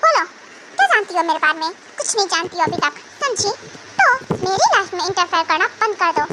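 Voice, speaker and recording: A woman's voice: very high-pitched, animated, a little fast. Woman voicing Taehyung, hot-tempered young husband. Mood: angry. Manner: sweet-talking, then snapping and shouting. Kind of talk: fan audio drama. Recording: noisy home recording.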